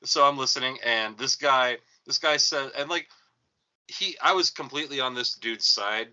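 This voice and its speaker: A man hosting a casual podcast chat, telling a rambling, profane story, with a thin, tinny sound that has no bass, like a speakerphone across the room. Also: normal speed, pushed and bright. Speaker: podcast host.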